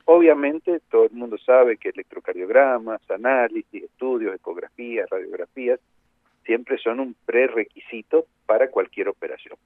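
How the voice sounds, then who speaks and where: A man, a plastic surgeon calling in, explaining in a measured way. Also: mid-range voice, animated, dry recording. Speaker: plastic surgeon, phone guest. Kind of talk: phone interview. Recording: tinny phone line.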